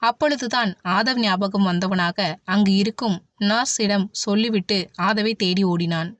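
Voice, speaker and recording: A woman narrating a romance novel as an audiobook, in a steady storytelling manner. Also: mid-range voice, unhurried, no room sound. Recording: dull, dry audiobook recording.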